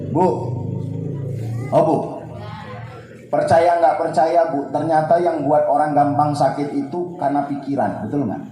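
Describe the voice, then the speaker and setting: Male preacher, high mellow voice, jokey crowd-pleasing sermon, booming hall echo. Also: fairly even intonation, unhurried, pauses often. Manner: jokey, keeps addressing the audience directly. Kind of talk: humorous religious lecture. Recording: very echoey hall.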